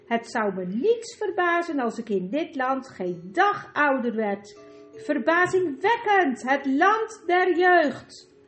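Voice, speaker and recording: A woman reading an audiobook and voicing a greedy, excitable sixty-year-old man who gushes and schemes. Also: a little high, a little slow, faint music behind. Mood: gleeful greedy. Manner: gushing, scheming, rubs hands with glee. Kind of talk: audiobook character voice.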